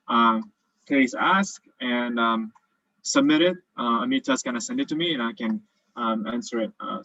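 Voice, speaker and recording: This young man, raised in South Korea and now studying dentistry, explains cases in a relaxed, filler-heavy way on a video call for a virtual presentation with Q&A. He has a mid-range, sharp-toned voice. The recording is low quality but has no echo.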